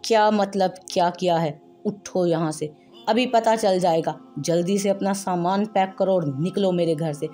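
A woman's voice: lowish voice, moderate pace, dark tone, soft background music, lightly acted. A woman voicing an angry young husband in a storybook reading, curt and commanding. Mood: furious.

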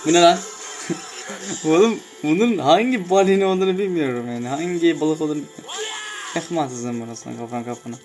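Excitable young man narrating a fighting game. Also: a little high, fast talker, poor audio. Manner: excitable, swears casually, shouts in surprise. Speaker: gameplay streamer. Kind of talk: casual gameplay commentary. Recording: music clearly heard behind.

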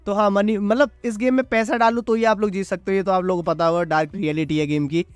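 Male YouTube gamer, high, rapid delivery, chatty racing commentary over loud music. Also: steady tone, clean tone, dry recording. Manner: chatty, refers to himself as "your brother". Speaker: mobile gaming YouTuber. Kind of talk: excited gameplay commentary. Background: loud game music.

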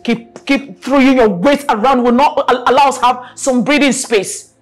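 A woman's voice: sits high, normal speed, faint music behind. A middle-aged Nigerian woman playing a scornful mother in a film drama, scolding and repeating herself. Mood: furious. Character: stern, scornful mother of a grown son.

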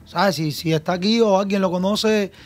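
A man's voice: sits high, normal speed. A man chatting casually as a guest, friendly and supportive. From Cuba. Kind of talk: casual chat.

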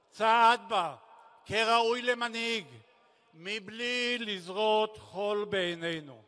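Through a booming, reverberant public-address setup, a man who once commanded troops speaks formally at a memorial rally. Solemn and declamatory, he sets out phrases deliberately with heavy pauses in between, his very high male voice sounding bright and forceful.

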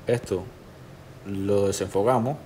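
A man, a tattoo artist calmly talking the viewer through a drawing tutorial step by step. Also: fairly low pitch, a little slow, slight background noise. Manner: relaxed, instructive, talks the viewer through each step. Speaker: tattoo artist teaching a digital stencil technique.

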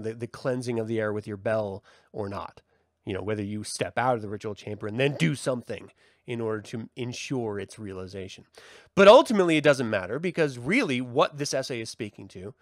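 A man whose voice is on the high side delivers a reflective live monologue online, full of rhetorical questions and emphatic stresses. He's a reverend who hosts livestreams, and the dry recording is of studio quality.

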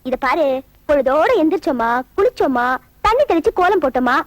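A woman's voice: high-pitched, animated, a little fast, no room sound. A woman speaking film comedy dialogue in a teasing, scolding way.

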